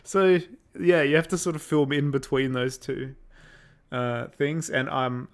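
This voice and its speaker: A young Australian man chatting casually on a livestream while he works on effects, rambling and thinking out loud as he answers chat. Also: medium pitch, unhurried. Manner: rambling, thinks aloud, reads out chat questions. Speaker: livestreamer making visual effects.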